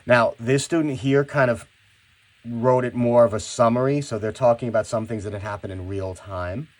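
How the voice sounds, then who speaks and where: In a classroom instruction video, a male teacher at medium pitch and normal speed guides students through finishing and checking a class project. His manner is conversational, and he often repeats words as he begins a sentence.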